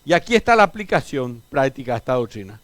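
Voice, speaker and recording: Preaching fast, this middle-aged Paraguayan-accented pastor swings his pitch widely, shifting from forceful climbs to quiet, low asides. The recording has no room sound.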